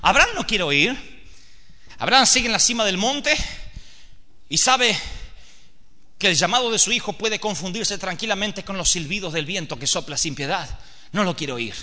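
Theatrical preacher man with a bright voice. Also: high voice, animated, moderate pace, long pauses. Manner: theatrical, emphatic, addresses the audience directly. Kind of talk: dramatic sermon storytelling. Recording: echoey hall.

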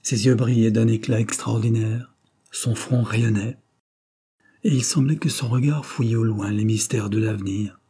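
A man narrating a classic novel as an audiobook in measured, dramatic storytelling. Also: on the low side, fairly even intonation, dark tone, breathy edge.

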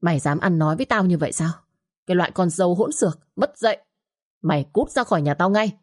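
A harsh older mother-in-law who shouts and scolds, voiced by a woman in a storybook reading. The voice is low and dark, pushed higher and faster when she rages. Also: animated. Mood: furious scolding.

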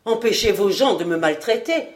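A woman's voice: mid-range voice, expressive, normal speed, natural voice. Lady reading a crafty old rogue, firm bossy tone, audiobook. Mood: commanding. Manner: firm, authoritative. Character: old male scoundrel, now commanding.

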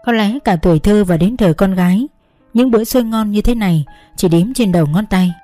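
A woman narrating an emotional first-person story in a slow, gentle, measured reading. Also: mid-range voice, no room sound. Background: faint background music.

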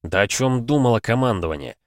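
A man narrating an audiobook in a steady, dramatic storytelling manner. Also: mid-range voice, brisk, no echo, studio quality.

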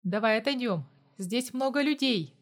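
A woman's voice: on the high side, animated, moderate pace, close to an everyday voice. A woman voicing a jealous, stubborn young man in an audiobook, speaking in an irritable, defiant way. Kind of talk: audiobook dialogue.

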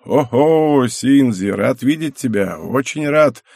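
A man voicing a cheerful, hospitable old man in an audiobook, speaking in an unhurried, genial way. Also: mid-range voice, sing-song, no echo, clean studio sound.

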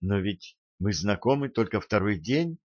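A man reading a young woman in love in a hushed, soft voice, in a storybook narration. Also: fairly low pitch, lively intonation, unhurried, no room sound, highs cut off. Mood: tender.

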